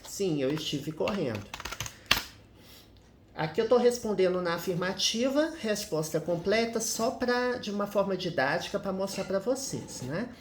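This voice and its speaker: A man's voice: sits high, expressive, moderate pace, slight background noise. A man explaining English grammar step by step, checking in with listeners through frequent tag questions. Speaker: English teacher. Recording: roomy echo.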